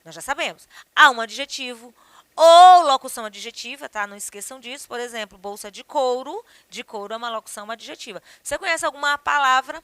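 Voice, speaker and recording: Woman, high voice, bright tone, teaching a grammar lesson, lively, dry sound. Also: a little fast, dry recording. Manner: lively, asks the class questions often. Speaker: Portuguese teacher.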